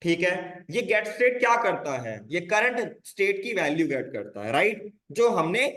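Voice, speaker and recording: High-voiced man teaching a casual coding class. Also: very animated, normal speed, a bit bright, echoey room, rough recording. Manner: casual Hindi-English teaching, frequent check-ins with "bhai". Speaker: coding instructor. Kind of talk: live online coding class.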